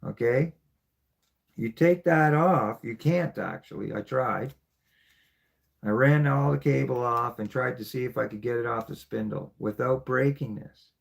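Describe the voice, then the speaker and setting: A middle-aged man talks through his fishing gear in a loose, rambling way. His voice has a gravelly, creaky edge, and he keeps checking in with "right?" as he goes. His pitch sits in an ordinary middle range. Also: a little slow. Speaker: fishing channel host. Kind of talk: casual show-and-tell explanation.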